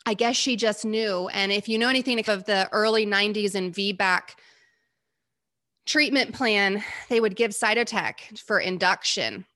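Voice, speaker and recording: An American woman in her forties, a guest in an interview, tells a personal story animatedly and acts out the voices of the people she quotes. Her voice is medium-pitched and her pace measured.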